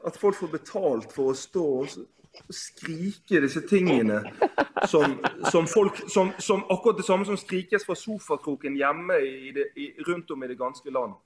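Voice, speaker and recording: A former footballer on a podcast, talking in an animated, exasperated way with many restarts. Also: male voice, on the high side, crowd noise. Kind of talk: casual podcast chat.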